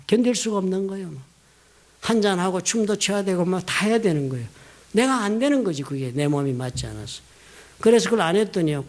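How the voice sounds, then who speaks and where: A middle-aged man from South Korea, a pastor preaching a sermon in a church, telling personal stories with lively emphasis. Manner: storytelling, animated, rising emphatic pitch, quoting others. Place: church sanctuary.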